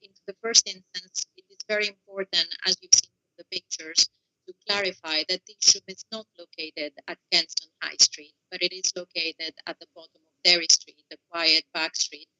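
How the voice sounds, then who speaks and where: A woman's voice: fairly low pitch, steady tone, brisk, pushed and bright, no echo, poor audio. A woman objector on a video call, earnest and hesitant, her audio breaking up and fading in and out. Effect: choppy online call audio, breaking up and fading in and out. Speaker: objector speaking for a residents' association. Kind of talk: formal statement at a council meeting.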